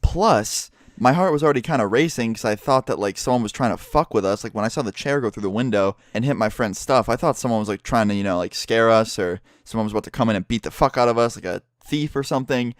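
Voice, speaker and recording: A man rambling through a storytime vlog, swearing freely and talking in an animated way. His voice is middle-pitched and the recording is dry, with no room echo. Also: quick pace, hardly any pauses. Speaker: vlogger. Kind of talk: casual storytime.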